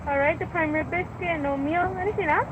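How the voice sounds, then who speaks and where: Lady at the drive-thru talking fast thru the speaker box, muffled and dull, car and street noise all around. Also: extremely high pitch. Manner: brisk, routine order-taking phrases. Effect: heard through a drive-thru speaker box. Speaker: drive-thru order taker.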